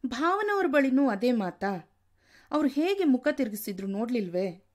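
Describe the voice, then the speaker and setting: A woman reading aloud and voicing a nagging, sharp-tongued wife in her late sixties. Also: sits high, big pitch swings, moderate pace. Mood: scolding. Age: over 60. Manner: scolding, nagging. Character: sharp-tongued wife of sixty-eight, scolding.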